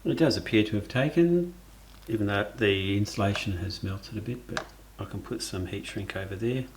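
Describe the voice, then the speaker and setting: At a car's engine bay, a DIY car vlogger with an Australian accent casually narrates the wiring work he's doing, thinking aloud in a relaxed way. His voice is lowish at a normal speed, with a little hiss or hum in the recording.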